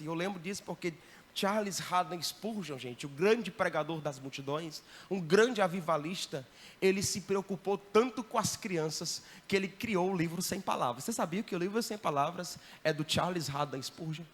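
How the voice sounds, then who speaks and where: A man, a missionary giving a lively church training talk and often checking in with the audience. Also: fairly high pitch, moderate pace. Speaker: missionary teaching evangelism. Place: church hall.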